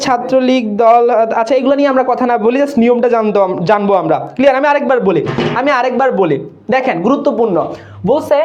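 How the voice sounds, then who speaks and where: A man's voice: very high voice, darkish tone, muffled recording. A man from Dinajpur, Bangladesh, teaching Bangla spelling in a live online class, repeating words and often checking that students follow.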